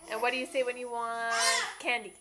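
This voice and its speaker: A woman's voice: a little high, level tone, a little fast, very noisy. A woman filming her child for a home video, coaxing and prompting in a sing-song way, heard through old camcorder audio.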